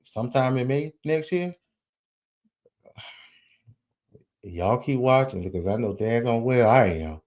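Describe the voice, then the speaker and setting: A man's voice: mid-range voice, lively intonation, slow, long pauses, a little mellow. A man casually commenting on celebrity news, chatty and folksy, talking straight to his viewers with slang and asides.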